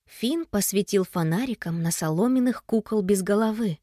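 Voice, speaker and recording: A woman narrating a children's storybook aloud in an expressive, lively storytelling manner. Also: medium pitch, moderate pace, dry recording, studio quality. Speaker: audiobook narrator.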